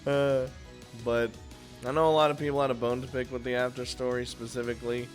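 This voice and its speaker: This host of a video game review series talks briskly in a flat, mid-range voice over background music. It's a casual countdown review, informal in tone, with frequent chuckles between phrases.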